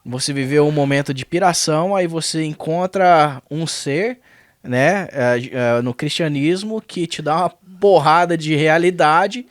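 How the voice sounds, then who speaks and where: A male podcast host speaks in a somewhat high voice and asks quick summarizing questions. His murmurs while listening are soft. The recording is dry and close. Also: no echo. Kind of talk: casual interview.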